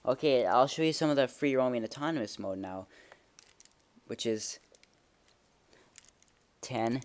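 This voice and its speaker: A reviewer giving a casual hands-on demonstration in a halting, informal way, often trailing off. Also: medium pitch, lively intonation. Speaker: toy reviewer. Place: carpeted living room at home. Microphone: handheld camera held by the speaker. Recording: noisy home video with mechanical clicking. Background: robot toy motor whirring and clicks.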